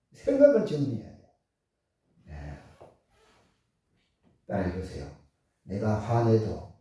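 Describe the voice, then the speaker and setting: A man preaching a sermon, animated, asking rhetorical questions and laughing often. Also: fairly high pitch. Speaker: pastor. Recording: echoey hall, far from the mic.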